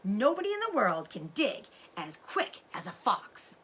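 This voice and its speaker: A woman reads as a bold father fox from a children's storybook, urgent and commanding. The voice is bright and swings widely in pitch, with emphatic, exclamatory delivery. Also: wildly swooping pitch, a little slow, a little hiss or hum. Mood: urgent, excited.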